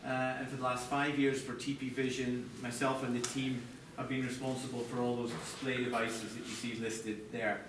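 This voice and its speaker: A middle-aged Scottish man, the chief TV product designer, gives a live presentation in an echoey room with an audience. His mid-range voice is level and runs at a normal speed with hardly any pauses, conversational yet hesitant with restarts. He's recorded from a distance, with echo and clear background noise.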